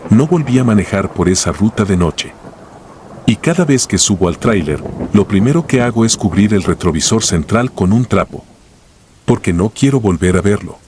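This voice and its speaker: A man reading a first-person horror story in a slow, grave storytelling manner. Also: lowish voice, animated, a little mellow, slight background noise.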